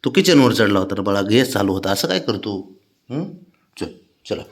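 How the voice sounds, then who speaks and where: A man talking to his pet cat in coaxing baby talk, soothing and pleading, with his voice swooping up high on questions. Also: lively intonation, moderate pace.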